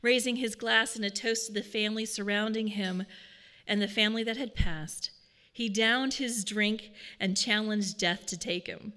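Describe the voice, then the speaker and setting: Woman, prepared talk, storytelling, earnest, bright tone, echoing hall. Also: medium pitch, fairly even intonation, normal speed. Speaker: speaker.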